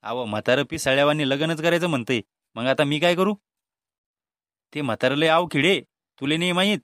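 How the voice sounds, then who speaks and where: A man's voice: a little high, brisk, a bit bright, no room sound, studio quality, natural voice. A man voicing an exasperated, timid middle-aged father in a cartoon comedy, with a Vidarbha Marathi accent and a pleading tone.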